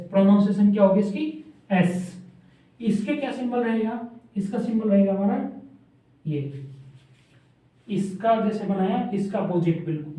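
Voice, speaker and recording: A man's voice: high-pitched, dark tone. A man teaching a shorthand lesson at a board, repeating each point and checking that students follow. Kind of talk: classroom lesson at a whiteboard. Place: classroom with a board. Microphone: camera's mic from across the room. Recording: very echoey room, voice far off.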